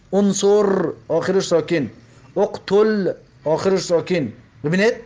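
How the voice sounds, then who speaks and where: A man teaching a grammar lesson, repeating examples and asking and answering his own questions. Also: high voice.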